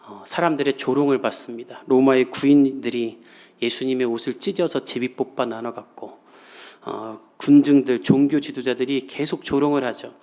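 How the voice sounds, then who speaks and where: A man's voice: mid-range voice, steady tone, moderate pace, a little mellow. A male pastor delivering a sermon, building in intensity and briefly voicing the mockers he quotes. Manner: preaches with rising intensity, acting out quoted mockers.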